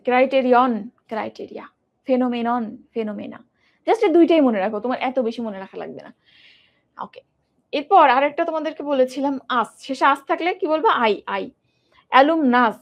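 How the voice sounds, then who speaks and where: A young woman teaching an exam-prep grammar lesson, asking the students questions and repeating words in drills. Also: high-pitched.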